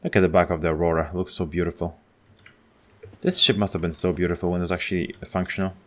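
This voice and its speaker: A man giving casual let's-play commentary, excitable and chatty as he thinks out loud while playing. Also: sits low, fast. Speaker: gaming channel host.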